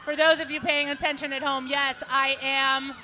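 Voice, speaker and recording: A woman's voice: high-pitched, little pitch movement, moderate pace, pushed and bright, slight background noise. A woman giving chatty live parade commentary outdoors and calling out to the marchers. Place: outdoors on a city street at a parade. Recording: music and crowd behind, outdoor broadcast. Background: music and crowd.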